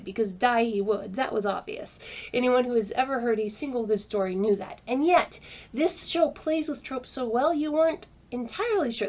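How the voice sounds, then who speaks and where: A woman's voice: medium pitch, a little mellow, dull audio. A woman giving a scripted but chatty TV episode review, enthusiastic, and she sometimes stops to search aloud for a word. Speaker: video essayist reviewing a TV episode. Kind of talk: scripted commentary with asides.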